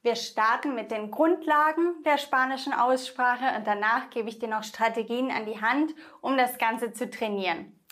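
A young woman teaching Spanish pronunciation in German, slowly and carefully, repeating each example word for the listener to echo. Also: fairly high pitch, fairly bright tone. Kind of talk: online language lesson.

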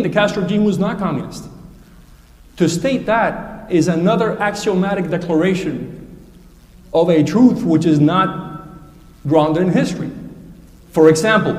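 Man debating in a lecture hall, pointed and academic, high voice, roomy echo. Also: darkish tone. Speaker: debate speaker. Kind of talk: formal critical debate remarks. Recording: echoey hall, distant mic.

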